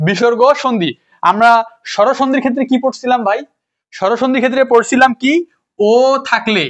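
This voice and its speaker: High-voiced man tutoring grammar. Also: a bit bright. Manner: repeats words and asks rhetorical questions; self-correcting, apologizes for slips. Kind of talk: informal classroom lesson, addressing students. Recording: dull lo-fi recording.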